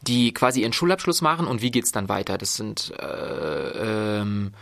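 A man's voice: fairly low pitch, normal speed, gravelly, a bit bright. Rambling man talking about films. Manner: rambling, many fillers and restarts. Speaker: film reviewer. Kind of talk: casual podcast film talk.

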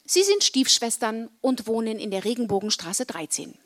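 A woman reading a children's story aloud, with an expressive, varied storytelling delivery. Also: fairly high pitch, normal speed. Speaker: story reader.

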